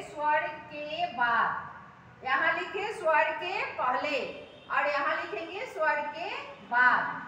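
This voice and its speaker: A woman teaching Hindi grammar in an online class, going over each step slowly and asking the students check questions. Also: very high voice, sharp tone, distant mic, slight background noise. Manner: slow, repetitive teaching with frequent check questions. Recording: echoey room, voice from off the mic, faint ambience.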